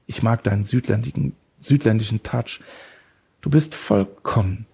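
A man's voice: lowish voice, moderate pace, gravelly, a little mellow, husky, full character voice. A man voicing a deranged male woodcutter who holds someone captive, taunting and smug, then creepily tender. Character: deranged male woodcutter kidnapper, mocking and obsessive.

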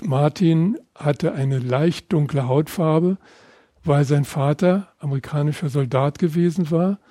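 An older man from Berlin reads aloud from his memoir, taking a measured and reflective pace. His voice sits a little high, with a dark and mellow tone. The recording is close and dry. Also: no echo. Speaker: author reading from his memoir. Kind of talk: reading aloud from his own book.

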